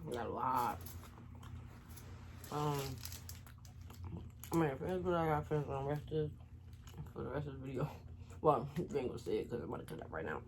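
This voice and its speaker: A woman's voice: extremely low pitch, expressive, fairly quick, long pauses, slight background noise. A woman vlogger talking casually and slangily to viewers while she eats, rambling between savoring hums. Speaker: mukbang vlogger. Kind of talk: casual eating-show chat to viewers.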